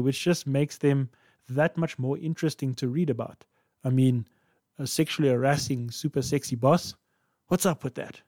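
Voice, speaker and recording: A man hosts a podcast with a scripted, playful delivery and jokey asides. His voice sits a little high but sounds warm and mellow. The sound is close and dry, with no room echo. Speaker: podcast host.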